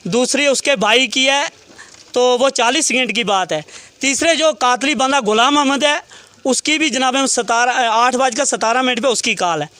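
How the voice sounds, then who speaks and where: High-voiced man telling a long account. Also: moderate pace, sharp tone, smooth, no room sound. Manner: detailed storytelling that quotes what each person said. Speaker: relative of a murder victim speaking to a reporter. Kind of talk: recounting events in an interview.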